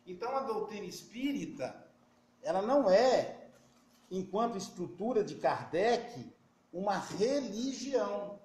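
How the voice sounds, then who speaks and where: A man's voice: sits high, very animated, a little slow, a little mellow. A Brazilian man with a Brazilian Portuguese accent telling stories in a casual talk, acting out the dialogue. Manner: anecdotal, acts out dialogue. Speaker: spiritist speaker. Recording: echoey, distant, faint noise.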